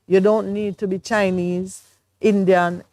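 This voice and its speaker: A woman's voice: mid-range voice, little pitch movement, slow, mellow, dry recording. Woman on a studio talk show, earnest and reflective, dry close mic. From Jamaica. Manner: earnest, reflective, explaining at length. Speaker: morning show co-host.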